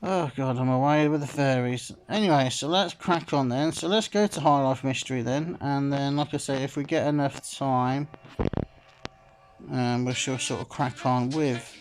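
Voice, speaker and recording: Over game music, a man comments casually while playing a slot game, rambling and filling gaps with "sort of" and "like I say," sounding a bit phlegmy. His voice is medium-pitched at a moderate pace, on a low-quality recording.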